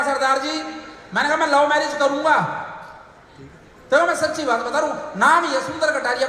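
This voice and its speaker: High, shouting Haryanvi comic poet. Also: male voice. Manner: loud, shouted punchlines with quoted family dialogue. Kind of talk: Haryanvi stand-up comedy on stage. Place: large hall at a live poetry show. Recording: very echoey hall with long reverb, faint noise.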